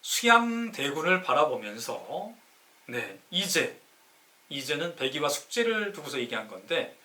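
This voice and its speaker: With a slightly high voice, big pitch swings, a measured pace and a sharp tone, a city councilor hosting a live stream explains classical poetry. He has a sore throat, yet stays emphatic and instructive, drawing out key words and raising rhetorical questions only to answer them.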